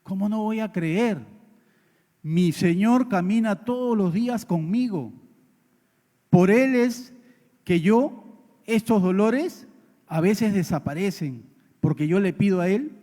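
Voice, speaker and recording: A man, a preacher, quietly voicing a poor old woman vendor who sounds soft and resigned. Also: high-pitched, takes it slowly, long pauses. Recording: long church reverb.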